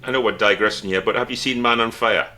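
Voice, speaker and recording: A man, co-hosting a podcast in relaxed casual chat, mostly giving short agreeing replies. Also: mid-range voice, fast talker, a little hiss or hum. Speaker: podcast co-host.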